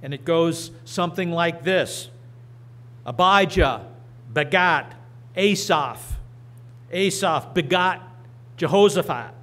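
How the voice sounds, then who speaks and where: A middle-aged man preaching and reading scripture from a church lectern, slow and deliberate with emphatic rises. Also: a little high, fairly bright tone. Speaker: pastor. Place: church sanctuary. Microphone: lectern microphone.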